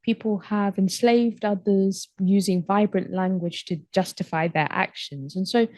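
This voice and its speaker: A woman podcast host asking questions in a warm, chatty way, full of likes and you knows. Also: mid-range voice, measured pace, no room sound, clean studio sound. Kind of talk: podcast interview.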